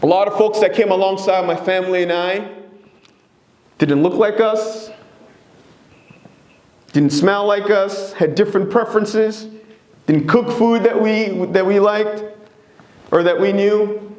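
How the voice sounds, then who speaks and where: Male presenter with a slightly raised pitch, earnest and engaging, recorded with room echo. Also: unhurried, pauses often, darkish tone. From Democratic Republic of Congo. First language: Swahili, Lingala and French. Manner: earnest, engaging, often checking in with "right?". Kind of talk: presentation to an audience.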